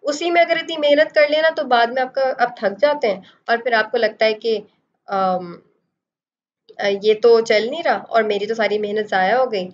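A woman with a fairly high voice walks through a design tutorial one step at a time. She mixes English phrases into her explanations. The voice-over sounds a little dull and lo-fi. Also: normal speed. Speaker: design instructor. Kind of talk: screen-recorded software tutorial.

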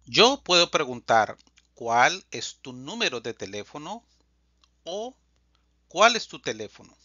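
A man teaching a language lesson, reading phrases slowly and deliberately and repeating them for learners. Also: on the high side, very animated, pushed and bright, dry recording, dull audio. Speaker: Spanish teacher. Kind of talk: slow scripted language lesson.

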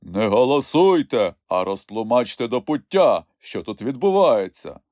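A man's voice: mid-range voice, very animated, unhurried, darkish tone, dry recording, studio quality. A man voicing a fussy male hemulen who pleads and grumbles in an audiobook. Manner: pleading, then cross. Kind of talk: audiobook character voice.

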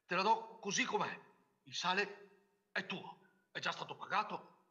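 A man's voice: high-pitched, expressive, a little slow, sharp tone, voice pushed up, heavily acted. A man reading aloud the lines of an anxious middle-aged factory owner, pressing and urgent.

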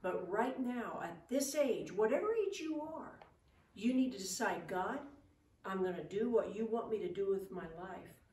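A woman's voice: mid-range voice, moderate pace, a little mellow. Earnest woman speaking in a roomy living room. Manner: earnest, encouraging, gesturing while speaking. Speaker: ministry speaker at school chapel. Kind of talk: chapel talk. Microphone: far camera. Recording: roomy, distant camera audio with faint noise.

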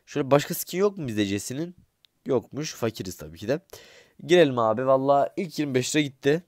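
A young man giving casual gameplay commentary, excitable and grumbling, swearing under his breath and talking straight to his viewers. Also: mid-range voice, fast, dry recording, studio quality. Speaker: gaming YouTuber.

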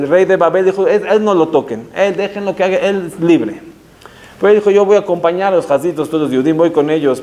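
Rabbi, fairly high voice; lively teaching, quotes acted out, rhetorical questions. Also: male voice. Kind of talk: Torah lesson.

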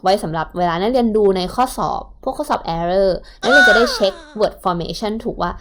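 A Thai woman teaching English vocabulary to high school students. She explains each word and asks the class questions in a coaxing way. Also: normal speed, very noisy. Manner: warm, coaxing, asks students questions and calls them "child".

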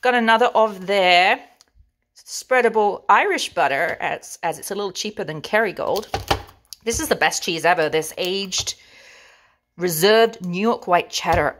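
An English woman from England, a vlogger, playfully chats through her grocery haul, savoring each item as she shows it off. Her mid-range voice has a fairly bright tone, and there's a little hiss or hum in the recording.

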